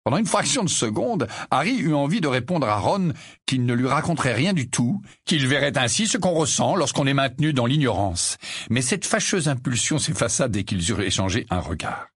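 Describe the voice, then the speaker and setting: A man reading a novel aloud as an audiobook narrator, with a measured, expressive delivery. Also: medium pitch, husky, no echo, clean studio sound. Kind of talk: scripted narration.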